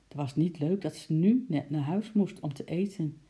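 A woman reads a children's story aloud in a low, very dark and mellow voice. Her reading is gentle and expressive, with small slips she corrects. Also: normal speed. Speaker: narrator.

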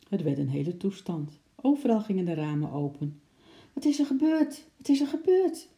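A woman reading a children's story aloud with calm, expressive narration. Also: deep voice.

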